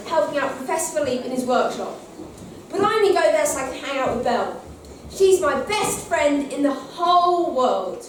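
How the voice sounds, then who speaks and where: A woman's voice: sits high, slight background noise. A woman playing a cheerful, cheese-loving comic best friend, chatting bubbly with the audience, heard far off in an echoey hall. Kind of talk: amateur pantomime, addressing audience. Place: large hall with live audience.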